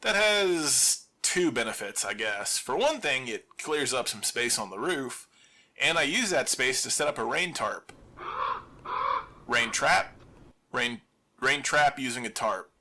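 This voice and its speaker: Unhurried and mid-range in voice, a man performs a scripted monologue for an audio drama, cast as a lone survivor hosting a radio show with wry, deadpan humor.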